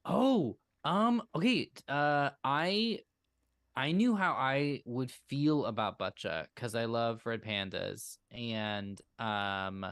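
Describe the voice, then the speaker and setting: A man in the cast answers a fan question on a livestream, hesitant and searching for words. His voice sits at a middle pitch. The sound is dry and close. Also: animated, slow, fairly bright tone, clean tone, no room sound. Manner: hesitant, many fillers and restarts. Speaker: player and cast member. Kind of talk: casual livestream Q&A chat.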